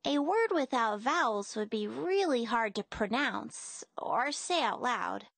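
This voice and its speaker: A woman's voice: a little high, lively intonation, slow, gravelly, fairly bright tone, no echo, exaggerated voice. A woman voicing a friendly girl presenter in an educational cartoon, explaining things simply to children in scripted narration. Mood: instructive.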